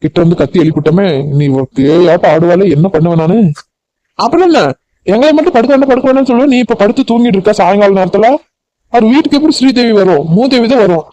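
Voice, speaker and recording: A man doing a bossy, fast cartoon village father. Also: high-pitched, dark tone, no room sound, natural voice, low-quality recording. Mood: scolding. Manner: scolding, quick-talking.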